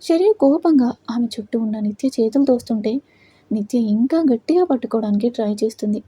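A woman narrating an audio love story in a steady, dramatic storytelling manner. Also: on the high side, brisk, slightly rough, no echo.

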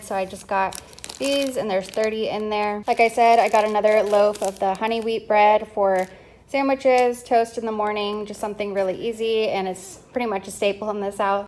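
A woman in her thirties talks through her haul in a casual, chatty way, filling pauses with ums and likes. Her voice sits at an ordinary middle pitch. She sounds relaxed and easygoing, recorded at home. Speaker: vlogger. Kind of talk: casual grocery haul chat. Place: home kitchen.

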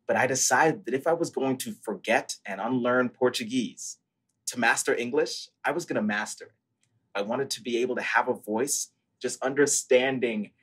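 Speaking from his living room over a video call, a young startup founder originally from Brazil shares his story in an interview, earnest and articulate. The earphone headset mic gives a low-quality recording of his mid-range, fairly bright, slightly rough voice.

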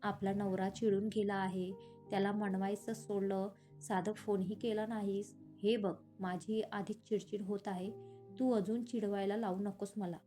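A woman voicing a quick-tempered but affectionate young husband in a read-aloud story. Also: high-pitched, flat delivery, dark tone, soft background music. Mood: irritated. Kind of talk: storybook reading.

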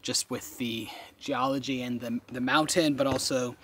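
Speaking at a moderate pace in a medium-pitched, slightly rough and somewhat bright voice, a man keeps his intonation fairly even. He's a vlogger restoring a stone cabin, casually talking to camera at an outdoor building site while thinking aloud and asking viewers questions. A handheld camera mic captures him.

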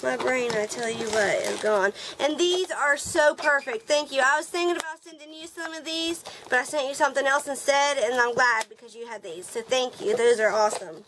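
A middle-aged woman who gushes with excitement and thanks the sender over and over as she unboxes swap gifts in a casual chat. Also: high-pitched, normal speed, few pauses, background noise. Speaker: nail art vlogger opening a swap package.

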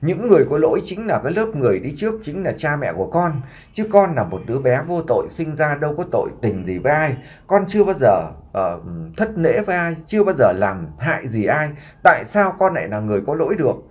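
A sorrowful mother gently pleads with her sick son, as a male storyteller voices her. The fairly high voice moves up and down with feeling. She sounds like a figure in a told family drama. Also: big pitch swings, quick pace. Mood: pleading.

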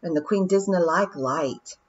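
A woman voicing a bold male pixie chieftain with a gruff Scottish accent and a blustery, commanding manner. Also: fairly low pitch, measured pace, muffled recording. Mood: bossy.

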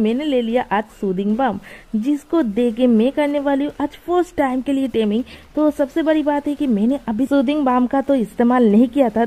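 A young woman hosting a gaming channel, giving casual, chatty commentary to her viewers while she plays. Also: on the high side. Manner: chatty, excitable, talks to viewers while playing.

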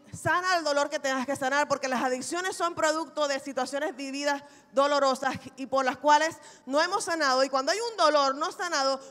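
A woman pastor preaching a sermon, telling a personal testimony in an animated, humorous way. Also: sits high. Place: large church hall. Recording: reverberant church hall recording.

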